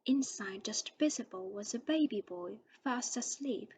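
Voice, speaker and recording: A woman reading a storybook aloud in a soft, often whispered voice, with small slips along the way. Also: a little high, expressive, measured pace, slight background noise, poor audio.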